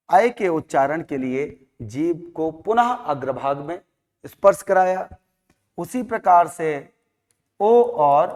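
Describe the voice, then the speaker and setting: A man teaching a lesson, repeating sounds aloud and asking questions he then answers himself. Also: on the high side. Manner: drills sounds by repetition, asks and answers own questions. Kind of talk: classroom lecture. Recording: long hall reverb.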